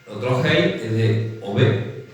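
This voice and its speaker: A man's voice: lowish voice, animated, very slow. A man with a Mexican Spanish accent preaching a teaching sermon, who keeps checking in with his listeners by asking "¿sí?" and calls them "hermanitos". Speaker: pastor. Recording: echoey hall from a distant mic, faint ambience.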